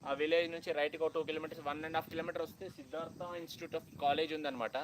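Loud, quick Telangana Telugu young man. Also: on the high side, fairly even intonation, a little hiss or hum, low-quality recording. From Telangana, India. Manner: talks loudly, half-shouting, greets viewers by name. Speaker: vlogger hosting a phone live stream. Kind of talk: casual live-stream chat with viewers. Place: outdoor college campus. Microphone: phone held at hand, no external mic.

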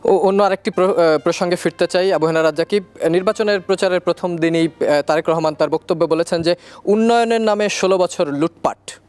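A Bangladeshi man with a Bangladeshi accent, hosting a talk show and putting quick questions to his guest. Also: high-pitched, a little mellow, clean tone.

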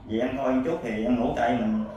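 A man with a Southern Vietnamese accent answers meekly and haltingly. His replies come quickly, and his voice sits at a middle pitch. He sounds set back from the mic in a strongly echoing room, with a faint hum of noise behind him. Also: steady tone, far from the mic. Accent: Southern Vietnamese (Mekong Delta). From Cần Thơ, Vietnam. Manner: deferential, short quiet replies, halting. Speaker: husband seeking his missing wife.

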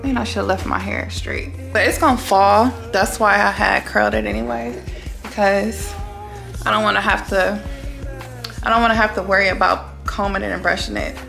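A woman's voice: medium pitch, fairly even intonation, normal speed, creaky, over music. A young woman vlogging casually about her outfit and perfumes, then talking to a close-held phone camera in a gym locker room, rambling and correcting herself as she goes. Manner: chatty, rambling, self-correcting. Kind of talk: casual get-ready-with-me vlog talk.

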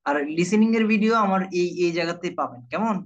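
A man's slightly high voice comes through dull, lo-fi online-class audio. He teaches an IELTS lesson, repeats key terms, and keeps asking his students whether they are following. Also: fast talker. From Bangladesh. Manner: repetitive, keeps checking understanding with students. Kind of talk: live online class lecture.

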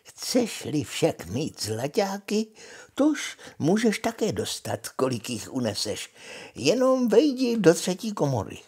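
Old grandpa doing a high pushy witch lady, husky, swoops all over. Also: wildly swooping pitch, darkish tone, full character voice. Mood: coaxing. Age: older. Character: scheming old witch woman.

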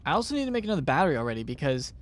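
A man's voice: on the high side, big pitch swings, rapid-fire. A man giving let's play commentary, chatty and thinking aloud as he plays, often unsure of himself. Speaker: gamer.

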